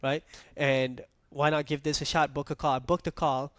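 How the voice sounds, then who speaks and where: A young man from Malaysia, hosting a podcast, telling a story in a relaxed way and asking "right?" often. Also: on the high side, normal speed, dry recording. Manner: storytelling, laid-back, peppered with "like" and "right?". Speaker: podcast host. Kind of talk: casual podcast chat.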